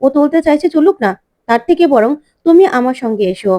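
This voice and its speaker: Cagey young groom read by a woman, high voice, mellow tone, calm replies. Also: brisk.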